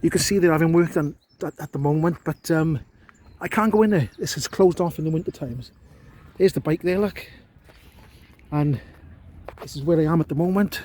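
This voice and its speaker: A man with a South Wales Valleys accent and a higher-leaning, slightly mellow voice talks at a moderate pace to a handheld camera. He's vlogging informally while reviewing an electric bike on park paths, chatty and often ending remarks with "look." There's a little background noise.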